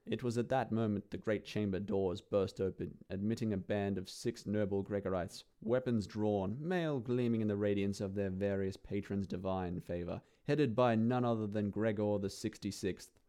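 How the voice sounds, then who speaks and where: Dark-voiced man narrating dark fantasy. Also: lowish voice, normal speed, hardly any pauses, clear, resonant tone. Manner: dry, theatrical, relishing delivery. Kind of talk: dramatic dark-fantasy storytelling.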